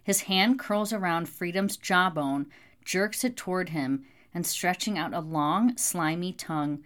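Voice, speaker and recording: Woman reading an audiobook, lowish voice, steady and even. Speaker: audiobook narrator. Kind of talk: scripted narration.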